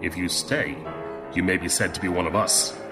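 An actor playing a commanding older admiral in an audio drama, measured and conspiratorial, with music behind. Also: male voice, low-pitched, steady tone, lightly acted. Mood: stern. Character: stern older male imperial admiral, conspiratorial.

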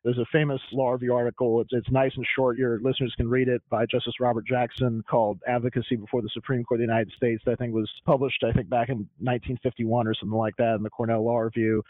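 A man who is an appellate lawyer and law teacher, explaining his points in a measured, methodical way with firm emphasis on a podcast. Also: mid-range voice, level tone, no echo. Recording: tinny phone-like audio.

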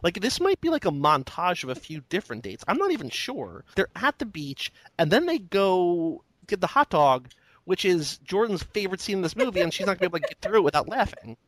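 A podcast co-host with a lively, up-and-down delivery recaps a film scene. The recording is dry and close, with no room sound at all. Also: mid-range voice, fairly quick, dry recording, poor audio. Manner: relaxed, lots of "like" fillers. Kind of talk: casual movie chat.

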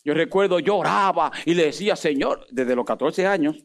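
A man's voice: fairly high pitch, normal speed. A man preaching a sermon as a pastor, animatedly acting out dialogues and joking with the congregation. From Dominican Republic. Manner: animated, acts out dialogues with God and Moses, jokes with congregation.

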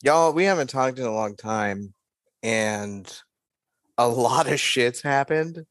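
A man hosting a casual sports podcast, playful and quick to laugh. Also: mid-range voice, fairly bright tone, dry recording. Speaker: podcast host. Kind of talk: casual chat.

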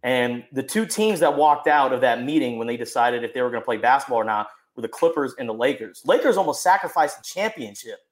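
A man chatting on a sports podcast with a mid-range voice. He is animated and effusive, running his thoughts together in quick bursts. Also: medium pitch. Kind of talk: casual sports chat.

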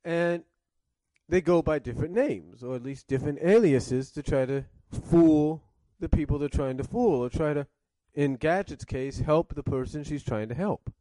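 A man's voice: a little high, moderate pace, mellow, no echo. A man reviewing cartoons in casual commentary, rambling and circling back to rephrase, coughing now and then with a cough drop in his mouth.

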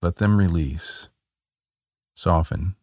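A man guiding a body-scan relaxation in a calm, meditative tone, gently giving short soothing instructions. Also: deep voice, slow pace, no echo, studio quality. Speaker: meditation guide.

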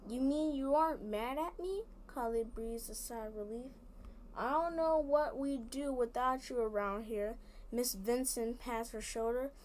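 A woman reads a children's chapter book aloud in a fairly high voice. She keeps a plain, even storybook delivery through narration and dialogue. Now and then she stumbles and restarts a phrase. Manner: plain storybook reading with small slips and restarts. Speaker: story reader.

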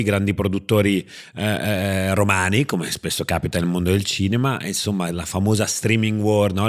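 A low-pitched man hosts a casual podcast from a small room with a slight echo. He rambles chattily, repeating words as he goes. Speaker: podcast host. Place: small echoey room away from the usual studio.

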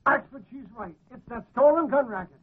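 Gruff, grumbling police sergeant. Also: male voice, very high voice, expressive, a little fast, full character voice. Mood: grumbling, surprised. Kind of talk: 1940s radio acting. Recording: tinny old radio recording.

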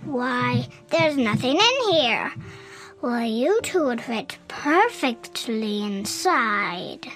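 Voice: mid-range voice, expressive, extremely slow, a bit bright, faint music behind, pitched below the performer's own voice. A young narrator voicing a cackling male demon Santa in a spooky storybook tale. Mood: menacing.

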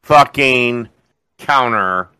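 Bright-voiced defensive man in his forties. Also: medium pitch, drawn-out words, clean tone. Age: 40s. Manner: defensive, combative, stammering restarts. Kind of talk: heated call argument.

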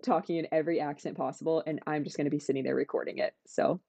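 A woman's voice: low voice, fairly even intonation, quick pace, creaky, dark tone, dry recording. A young woman guest on a podcast, chatting casually and giggling often, with lots of "like" in her speech. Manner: giggly, upbeat, says "like" a lot. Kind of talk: casual chat.

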